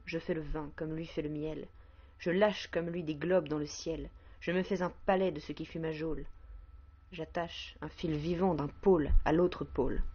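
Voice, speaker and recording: A woman's voice: low voice, dark tone, highs cut off. A woman reading a poem aloud in a solemn, declamatory way, giving voice to Man personified as a proud, boastful male spirit. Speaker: poetry reader. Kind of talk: poetry recitation.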